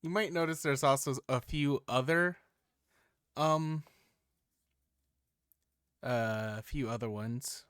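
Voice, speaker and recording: Slow-talking man counting workout reps. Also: medium pitch, fairly bright tone, clear, resonant tone. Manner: counting reps aloud, chatty and self-amused. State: catching his breath. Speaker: streamer. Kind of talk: casual live-stream chat while exercising.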